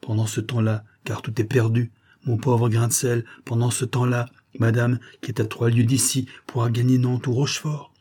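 Un homme jouant un comte grave et résigné. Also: male voice, mid-range voice, flat delivery, normal speed, few pauses, warm tone, slightly rough, close to an everyday voice. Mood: las. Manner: sorrowful, earnest. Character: grave young nobleman count, losing soldier, resigned.

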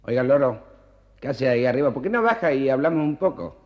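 This is a man voicing a cunning fox who tries to coax his prey. He talks smooth and persuasive. It plays from a muffled cassette with a long reverb. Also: medium pitch, sing-song, fast, lightly acted. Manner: coaxing and persuasive. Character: sly, smooth-talking male fox.

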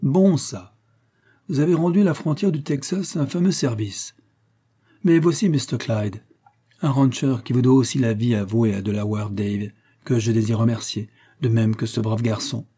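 A man's voice: medium pitch, moderate pace, dark tone, husky, close to an everyday voice. A man voicing a grateful, commanding army major in a storybook reading, speaking formally and courteously.

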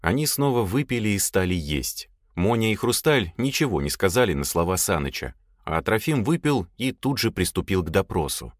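Low-voiced man narrating an audiobook. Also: normal speed, few pauses, no echo, studio quality. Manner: expressive storytelling.

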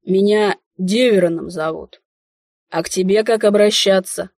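A woman voicing an easygoing, slyly teasing village man in an audiobook, talking in an unhurried, folksy way. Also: medium pitch, a little mellow, dry recording, clean studio sound. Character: easygoing village man, hired helper, sly.

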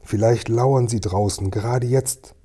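A man's voice: mid-range voice, fairly even intonation, measured pace, mellow, slightly rough. A man reading an audiobook and voicing a frail, starving old man who whispers and wails in fear. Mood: whispering fearfully. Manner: whispering, wailing, fearful.

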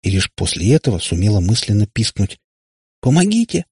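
A man narrating an audiobook in a steady, measured way. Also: on the low side, slightly rough, no room sound, clean studio sound.

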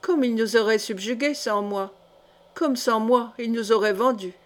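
A woman's voice: on the high side, normal speed, close to an everyday voice. A woman reading aloud and voicing a young male clog-maker who accuses a rival before a crowd in solemn, rising oratory. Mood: accusing.

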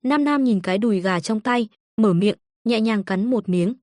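A woman narrating an audio novel in a steady, even storytelling manner. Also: mid-range voice, moderate pace, dry recording, studio quality.

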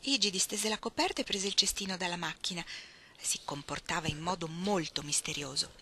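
A woman reading a novel aloud with steady, expressive storytelling. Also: on the low side, a little fast, slight background noise. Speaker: reader. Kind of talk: audiobook reading.

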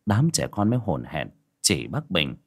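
A man narrating a village ghost story in a dramatic, expressive manner. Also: deep voice, normal speed, breathy edge.

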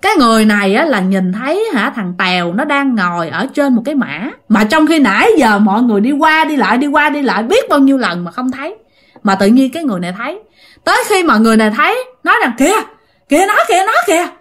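Brief: casual Southern Vietnamese woman storyteller, high-ish and animated, talks to listeners. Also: quick pace. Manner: chatty, addresses listeners directly. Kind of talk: casual ghost-story telling.

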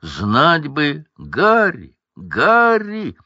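A man reads out a gruff, growling giant of a gamekeeper, blunt and homely in his speech. The voice sits low and moves a lot, close and dry. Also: very animated, measured pace, sharp tone, no echo, lo-fi sound, exaggerated voice. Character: gruff huge male gamekeeper, half-giant.

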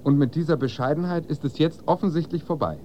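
A man's voice: fairly high pitch, fast, darkish tone, a little hiss or hum, close to an everyday voice. An actor playing a tired, stern middle-aged father and doctor in a radio play, firm and sarcastic.

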